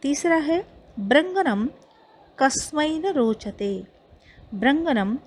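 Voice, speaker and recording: Indian woman, Sanskrit teacher, slow and careful, slightly high voice, faint hiss behind. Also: expressive. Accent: Indian Hindi. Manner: reads each Sanskrit line, then explains it in Hindi. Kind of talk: explaining a textbook lesson line by line.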